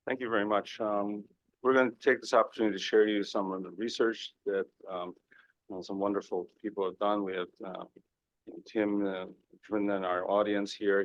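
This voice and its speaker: A man presenting research as a urology professor at a conference talk to a live audience, steady and filling pauses with "uh". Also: deep voice, vocal fry, no echo. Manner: steady, lots of "uh" fillers. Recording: dull lo-fi sound.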